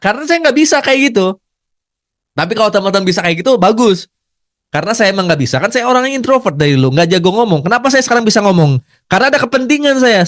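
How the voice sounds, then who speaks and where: High-voiced man, earnest pep talk. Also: fairly bright tone, no room sound, clean studio sound. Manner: earnest, repetitive, conversational. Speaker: network marketing business leader. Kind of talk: motivational business talk.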